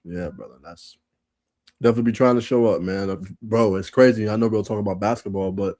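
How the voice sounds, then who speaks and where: Guy with a sore throat, mellow dark tone, dry close sound, casual sports chat. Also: on the low side, fast talker, dry recording. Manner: relaxed and slangy. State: sick, throat hurts. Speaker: podcast co-host.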